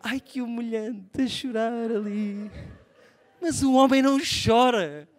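A young man with a European Portuguese accent doing live stand-up comedy, animated and self-mocking, swinging from soft asides to loud outbursts. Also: extremely high pitch, slow pace, slight background noise. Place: theatre stage before a live audience.

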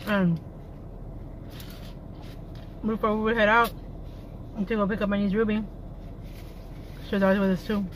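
A woman's voice: medium pitch, flat delivery, slight background noise. Woman talking with her mouth full. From San Antonio, Texas. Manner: reminiscing, unhurried, chewing between words. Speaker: eating show host. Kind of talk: casual chat while eating.

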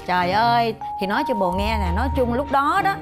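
A woman's voice: on the high side, animated, fairly quick, close to an everyday voice. An actress playing a fussy, hot-tempered middle-aged mother, telling her story in a chatty, dramatic way. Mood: defensive. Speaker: dog-owning mother in a traffic-safety skit. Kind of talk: televised comedy sketch acting. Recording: music bed under the dialogue.

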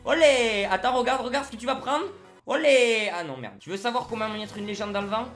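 A man giving excited live commentary on his own football video game match at home, swinging between loud shouts and low muttering. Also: a little fast, faint music behind. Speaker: gaming YouTuber. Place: at home alone.

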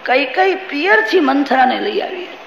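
Brief: male religious storyteller, high raspy-gravelly voice, live in an echoing hall. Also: animated, moderate pace, a bit bright, dull audio, a little hiss or hum. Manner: storytelling with moral asides to the audience. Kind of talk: devotional scripture storytelling sermon. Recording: live hall recording, reverberant.

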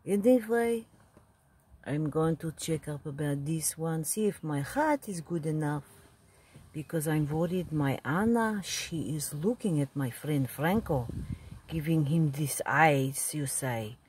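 A woman's voice: low voice, lively intonation, slow pace, darkish tone, slight background noise. A woman voicing an elderly immigrant grandfather who rambles bawdily in broken English. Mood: rambling. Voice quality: very husky. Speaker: comedy video character. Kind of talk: comic character monologue.

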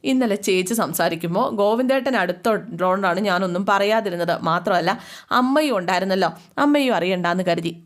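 Brief: earnest young man, read by a woman storyteller, fast confiding tone. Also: mid-range voice, lightly acted.

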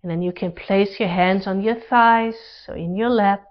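A woman guides a relaxation meditation as an instructor, giving calm, gentle instructions in short phrases separated by pauses. Her pitch is medium, and the sound is lo-fi.

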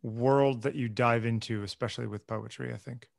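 A man's voice: mid-range voice, fairly even intonation, normal speed, gravelly, no room sound. A man in a casual conversation, wry and searching, who often restarts and repeats words while he thinks aloud. His voice sits in the middle range, and the recording is dry, with no room sound. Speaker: photographer and co-host.

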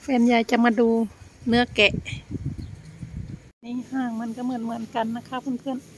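A woman's voice: a little high, flat delivery, fairly quick, darkish tone, rough recording. An older woman from Thailand chatting casually to friends as she vlogs on the move, rambling and thinking aloud into a handheld phone. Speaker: vlogger. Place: on the move in a car, shops and town streets. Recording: clear car and ambient noise.

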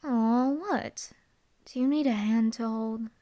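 With a fairly high pitch and a warm tone, a young adult woman speaks slowly as she portrays a female hellhound demon bodyguard for an audio roleplay. The character comes across as dry, teasing, and relaxed.

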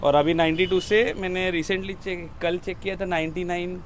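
A man's voice: sits high, steady tone, normal speed, a loud crowd. A man, a farm caretaker, giving plain matter-of-fact answers in a casual interview outdoors on a farm.

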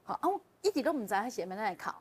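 A woman as a guest telling a personal story in casual chat, animated and often laughing as she relives the emotion. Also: fairly high pitch, very fast, husky. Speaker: guest sharing a personal testimony.

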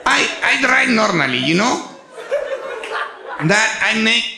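A man playing an excited driver in broken English. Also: sits high, takes it slowly, vocal fry, crowd noise, pitched above the performer's own voice, full character voice. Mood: pleading. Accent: Venezuelan. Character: flustered Latin driver pleading in broken English. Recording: echoey stage with audience laughter.

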